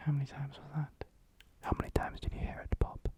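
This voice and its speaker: In a whispered ASMR role-play, the performer plays a calm and attentive clinic assessor, speaking softly and breathily a little fast while giving instructions and gently repeating phrases.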